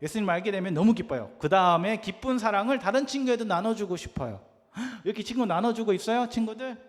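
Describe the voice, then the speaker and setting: A man giving a gentle children's sermon, telling a picture story and coaxing a small child with many questions. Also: high-pitched, animated, fast talker. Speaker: preacher for children. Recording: long hall reverb.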